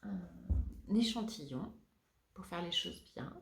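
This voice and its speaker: A woman's voice: on the low side, very animated, slow. A woman hosting a knitting podcast in casual chat, hesitant with many fillers and restarts. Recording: roomy echo.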